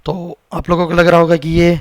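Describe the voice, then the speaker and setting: With a sore throat, a man leads a coding screencast, quizzing his viewers and saying words over and over while typing. His voice is on the high side, clear and resonant, a little fast, and completely flat, recorded without room sound.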